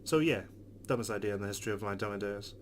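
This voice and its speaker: Speaking very fast in a lowish voice, this let's play host reads game text from a visual novel and adds offhand comments of his own. The recording carries constant loud background noise.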